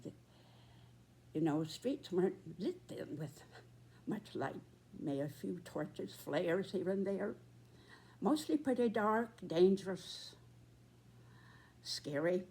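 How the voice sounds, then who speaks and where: A woman in her nineties giving a reflective, earnest address in short, halting phrases. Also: fairly low pitch, lively intonation, warm tone. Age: 90s. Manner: very old person's slow, halting delivery in short phrases.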